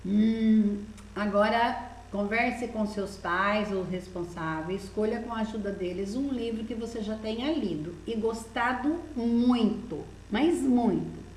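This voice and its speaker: A woman's voice: mid-range voice, a little slow, slight background noise. Patient Brazilian woman teacher, echoey room. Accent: Brazilian Portuguese. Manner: patient, coaxing, asks the child many questions. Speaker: primary school teacher. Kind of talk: recorded remote lesson walking through a workbook.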